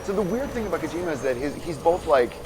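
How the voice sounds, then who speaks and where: Co-hosting a live game stream, this man talks in a fairly high pitch and at a fast clip over a noisy background. He rambles in an animated way, packing his casual chat with "like" fillers as he plays.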